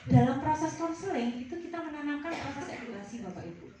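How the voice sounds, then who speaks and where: Woman, counseling trainer, high voice, distant mic, background noise. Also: expressive, a little fast, dark tone, heavy reverb. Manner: explanatory, engaging the audience with questions. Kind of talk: workshop lecture.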